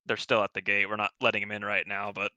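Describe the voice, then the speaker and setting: A man's voice: lowish voice, little pitch movement, bright, forceful tone, no room sound, dull audio. A man voicing a hesitant male town guard who reports to his boss and halts over his words. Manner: halting, full of uhs and likes.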